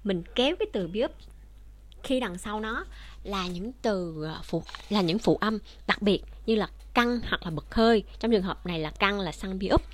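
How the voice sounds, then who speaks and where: A woman's voice: medium pitch, lively intonation, normal speed. A woman teaching a language lesson online, explaining rules patiently and speaking directly to her viewers.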